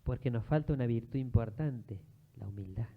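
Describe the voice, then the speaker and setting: A man's voice: medium pitch, moderate pace. A man with an Argentine accent, a priest giving a sermon-style teaching, telling stories and rising into emphatic exhortation. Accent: Argentine Spanish. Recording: muffled lo-fi recording.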